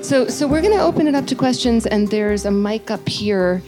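A woman's voice: fairly high pitch, expressive, moderate pace, loud music behind the voice. A woman hosting a podcast, talking onstage at a live bookstore taping. She sounds thoughtful and searching, and often restarts her sentences. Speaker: podcast host.

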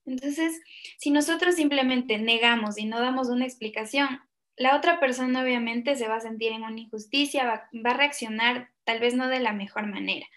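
A woman speaking as a guest, explaining her points step by step in a measured way. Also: fairly high pitch, fairly bright tone. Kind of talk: explanatory talk.

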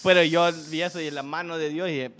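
A young Honduran man on a casual podcast, telling a story in a lively way and laughing easily. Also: a little high, fast talker. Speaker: podcast co-host.

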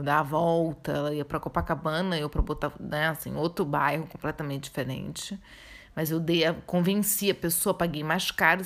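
A Brazilian woman, hosting a solo podcast from home at night, chatty and dramatic, swinging between loud and hushed talk. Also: on the low side. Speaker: podcast host.

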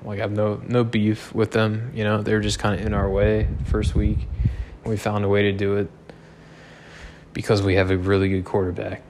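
A man's voice: lowish voice, flat delivery, moderate pace, a little mellow, slight background noise. A man in his thirties, a little drunk, rambling through a loose, joking monologue full of swearing. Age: 30s. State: tipsy.

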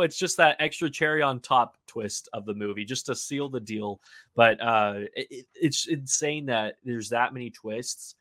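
A man's voice: mid-range voice, fairly bright tone, no echo, studio quality. A man talking as a podcast guest in casual chat, eager and talkative, often restarting his sentences. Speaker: podcast guest, film reviewer.

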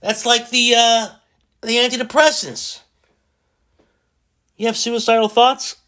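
A man's voice: very high-pitched, little pitch movement, slow pace, sharp tone. A man in his forties hosting a solo podcast, rambling and self-mocking as he jokes his way through his thoughts. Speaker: podcast host.

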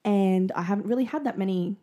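A woman co-hosting a casual podcast chat, talking in an animated, chatty, sassy way with casual swearing. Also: medium pitch, a little fast. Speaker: podcast co-host.

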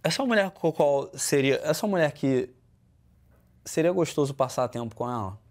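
A man's voice: fairly high pitch, lively intonation, normal speed, a little mellow. A man with a Brazilian Portuguese accent, hosting a casual chat and giving earnest advice. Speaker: host.

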